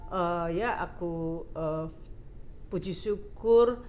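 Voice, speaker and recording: A woman's voice: on the low side, extremely slow, darkish tone. A woman telling her faith testimony in casual chat, mixing English phrases into her talk and laughing often. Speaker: guest sharing a testimony.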